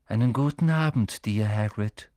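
A man's voice: lowish voice, dark tone, no echo, clean studio sound, lightly acted. A man playing a melancholy cryptic centaur. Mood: solemn. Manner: slow, solemn, evasive. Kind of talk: audiobook character voice.

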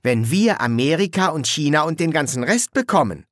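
Man doing a monotone, reasoning boy, raised pitch, dry audiobook sound. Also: normal speed, dry recording. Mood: matter-of-fact.

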